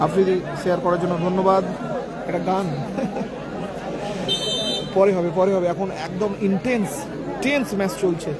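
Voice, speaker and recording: A man's voice: high-pitched, steady tone, moderate pace, pauses often. A man giving live football commentary and chatting to online viewers. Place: outdoors at a local football ground. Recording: loud crowd at an outdoor match. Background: loud crowd noise.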